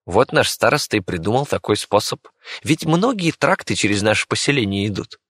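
A man's voice: on the low side, big pitch swings, fairly quick, fairly bright tone, no room sound, studio quality. A man voicing a fussy, talkative rabbit-faced village doctor in an audiobook, speaking in a chatty, slightly ingratiating way. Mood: explaining. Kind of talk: audiobook character voice.

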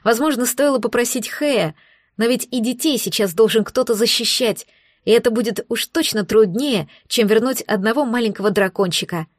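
A woman narrating a first-person fantasy novel, steady and tense. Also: a little high, normal speed, no room sound, clean studio sound. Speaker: audiobook narrator.

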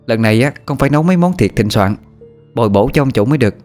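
A man voicing a frightened, gossipy young female servant, pleading in a high, tearful voice. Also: lively intonation, rapid-fire, a little mellow, soft background music, natural voice. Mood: eager.

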